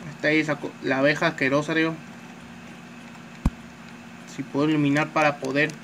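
Talking fairly quickly, a male gamer chats casually through his gameplay, saying "tío" constantly, using fillers at every turn and cursing at enemies. His voice is somewhat high for a man, captured on a phone mic with a steady hiss in the background.

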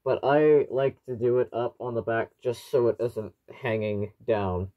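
A man's voice: medium pitch, steady tone, measured pace. A young man giving a casual, rambling, explanatory product review, his voice muffled through a gas mask. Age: young adult. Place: small living room at home, indoors.

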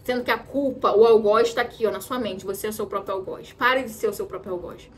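A woman's voice: mid-range voice, fast talker, slight background noise. A Brazilian woman giving an emphatic motivational talk as a mentor, repeating her key phrases for stress. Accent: Brazilian Portuguese. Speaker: women's mentor.

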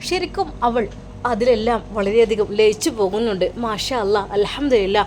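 A woman's voice: medium pitch, normal speed, a little mellow, slight background noise. A woman with a Malappuram accent narrating a story in a dramatic, emotive style. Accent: Malappuram Malayalam.

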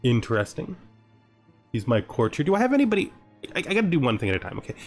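This let's-play host has a fairly high voice whose pitch swoops wildly, and he talks at a quick pace over soft background music. Commentating casually on a strategy game, he reads the event text and reasons aloud, questioning himself along the way.

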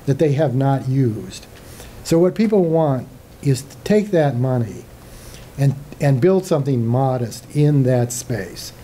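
A man's voice: mid-range voice, warm tone, a little hiss or hum. An older man giving a public lecture with slides, speaking conversationally with frequent fillers and restarts. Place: lecture hall.

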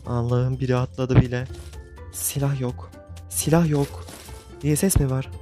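A man's voice: mid-range voice, little pitch movement, normal speed, dark tone, faint music behind. Exasperated young man narrating his game. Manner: exasperated, grumbling, venting at the game. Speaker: gaming YouTuber. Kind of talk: frustrated live game commentary.

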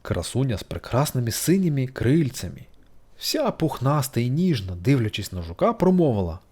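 A storyteller reading a bedtime fairy tale aloud in an expressive, sing-song manner. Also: medium pitch, normal speed, breathy edge.

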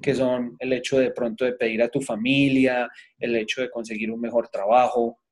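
A man's voice: mid-range voice, level tone, normal speed, a little mellow. Colombian guy on a video call, earnest, walks folks through it step by step. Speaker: accountant and seminar presenter. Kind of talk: video call seminar talk. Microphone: webcam on a video call.

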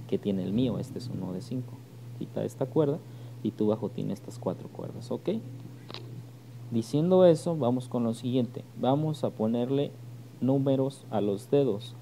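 A man with a Mexican accent teaching bass guitar step by step, patient and often checking in with "ok?". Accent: Mexican Spanish. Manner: patient, repeats "¿ok?" to check understanding. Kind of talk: step-by-step music tutorial. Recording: loud bass playing behind the voice.

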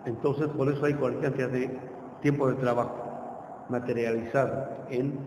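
Here a man lectures informally at a university, his mid-range, darkish voice holding fairly even intonation at normal speed. He keeps checking in with students using tag questions, and the lecture room adds roomy hall echo and faint noise.

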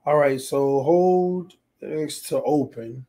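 Because his voice is going, this sports channel host keeps things quiet on his casual stream, reading viewers' chat aloud while he sets up a game. His voice is on the high side and slow, picked up by a stand-mounted desk mic in a small room crammed with fan decor.

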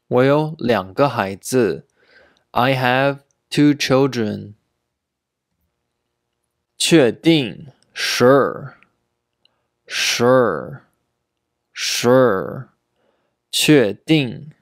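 Slow, deliberate man drilling English words. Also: mid-range voice, dry recording, clean studio sound. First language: Chinese. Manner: repeats each word and sentence several times, slow and deliberate. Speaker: English teacher. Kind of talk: slow repeated pronunciation drills.

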